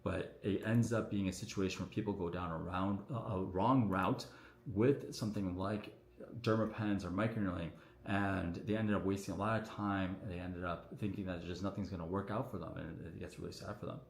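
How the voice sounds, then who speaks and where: Man with a deep voice, echoing room sound, casual doctor Q&A, chatty with fillers. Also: a little fast, gravelly. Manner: relaxed, chatty, many fillers and restarts. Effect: echoing room sound on the stream. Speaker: cosmetic doctor answering viewer questions. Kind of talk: casual livestream Q&A. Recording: echoey room audio on a livestream.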